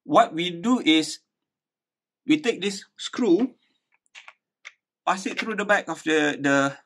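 A man in his thirties hosts a DIY tutorial in a small living room, casually walking through a hands-on build while thinking aloud and repeating words. His voice is on the high side, expressive, and a bit bright, and he speaks slowly.

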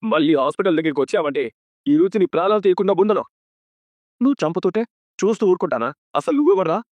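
A man's voice: high-pitched, sing-song, fast, no room sound. An actor playing a hot-tempered, domineering elder brother who scolds and threatens his sister in a TV serial. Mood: furious. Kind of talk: TV serial acting. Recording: dull lo-fi dry sound.

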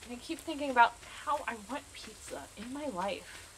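A woman's voice: on the high side, animated, moderate pace, fairly bright tone, a little hiss or hum, rough recording. A woman streamer chatting to herself while she plays a game, playful and self-mocking. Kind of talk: casual gameplay commentary.

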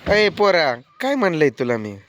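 A man's voice: a little high, sing-song, moderate pace, a bit bright. A man performing a comic village-family skit, nagging and scolding in an exasperated way. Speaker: comic vlogger.

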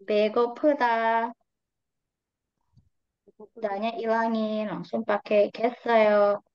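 Female language teacher, slow modeled words, muffled dry call audio. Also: fairly high pitch, little pitch movement, no room sound. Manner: patient, drawn-out model pronunciations. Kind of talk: online class explaining grammar. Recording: dry, slightly dull online call audio.

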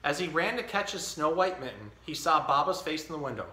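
A man in his thirties hosting a storytime, reading a children's picture book aloud with expressive, clearly enunciated delivery. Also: fairly high pitch, a little fast, a little hiss or hum. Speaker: storytime host. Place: indoor tiled-floor room. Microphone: camera a few feet away. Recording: echoey room.

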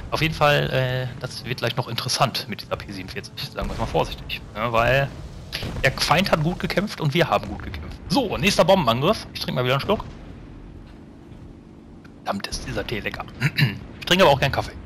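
A man's voice: mid-range voice, animated, fast talker, fairly bright tone, slight background noise. A man giving casual, rambling gameplay commentary to his viewers, chatty and swearing now and then.

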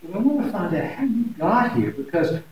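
Folksy pastor, echoey and distant. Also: male voice, sits high, sing-song, fairly quick, a little mellow. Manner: folksy, chatty, jokes with guest. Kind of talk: casual interview. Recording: echoey, from far off, faint noise.

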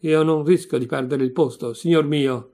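A man voicing an irate male lodger who shouts mocking questions. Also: a little high, moderate pace. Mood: indignant.

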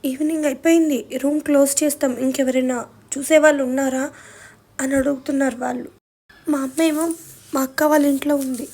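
A woman's voice: high voice, steady tone, fairly quick, darkish tone. A young woman vlogger telling a personal family story with emotion, acting out what her relatives said. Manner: emotional retelling, acts out family members' words.

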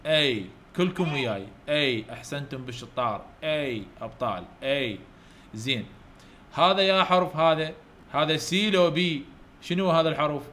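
A man with an Iraqi Arabic accent, teaching English letters to children online, coaxing loud repetition and heaping praise. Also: on the high side. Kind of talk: online letter-drill lesson.

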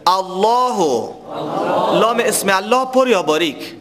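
A man teaching tajweed, explaining recitation rules and quizzing students before answering himself, with verses chanted slowly as examples. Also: on the high side, animated, crowd noise. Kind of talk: tajweed lesson.

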